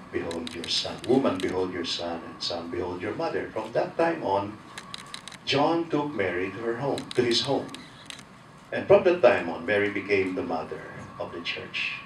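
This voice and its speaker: Male priest, Filipino accent, low-pitched, measured declaiming delivery, heard from afar in cathedral-like echo. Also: expressive. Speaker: priest, homilist. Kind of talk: liturgical reading and sermon. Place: large echoing church interior. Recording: cathedral-like echo, distant mic, faint noise.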